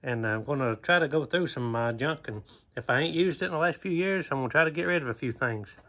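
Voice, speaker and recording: Talking fast in a medium-pitched, somewhat bright voice, a homesteader vlogger casually shows off his open wooden barn. He's easygoing and plain in his speech, with frequent "uh" fillers, and holds his phone camera at arm's length.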